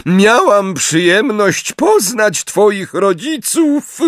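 Bellatrix, a man doing a shrill gloating witch. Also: sing-song, very slow, fairly bright tone, no room sound, studio quality, heavily acted. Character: gleeful cruel female witch, taunting.

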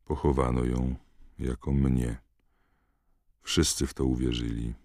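A man voicing a young male prisoner who speaks in a dead, emotionless monotone. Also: rumbling low, normal speed, no room sound, clean studio sound. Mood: flat. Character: young male prisoner under a truth potion.

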